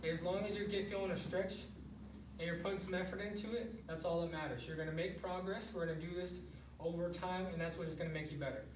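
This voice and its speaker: A man's voice: high voice, steady tone, quick pace. A man giving a casual, step-by-step martial arts lesson, explaining plainly and checking in often. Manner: plain-spoken, explanatory, frequently checking with "okay". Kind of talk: casual step-by-step instructional demonstration. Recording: roomy, noisy, distant microphone.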